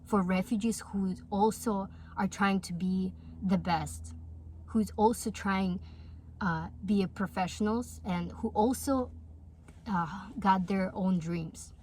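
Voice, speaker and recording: A little mellow and slow, a medium-pitched female voice carries an earnest, encouraging casual talk to the camera. The vlogger is a Russian woman in her twenties with a Russian accent and Russian as her mother tongue, and a slight hiss or hum can be heard.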